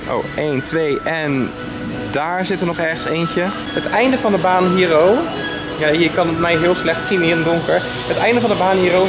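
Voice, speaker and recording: A young adult man, chatting casually and enthusiastically to viewers as a vlogger, recorded outdoors on a handheld camera. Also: sits high. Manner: enthusiastic, informal, addresses viewers often. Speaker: vlogger reviewing theme park rides. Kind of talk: casual vlog chat to viewers. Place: outdoors in an amusement park. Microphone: handheld camera at arm's length. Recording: outdoor camera audio under prominent music. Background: music.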